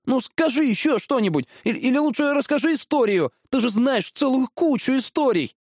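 A man's voice: extremely high pitch, animated, fairly quick, a little mellow, dry recording, clean studio sound, voice pushed up. A man voicing a stubborn, hopeful young boy who pleads and insists. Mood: excited.

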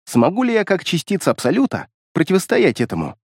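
A man reads a first-person fantasy audiobook with a fairly high, very animated voice that rises and falls with the story. The sound is dry and close, with no room around it. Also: brisk, breathy edge, no echo. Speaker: audiobook narrator.

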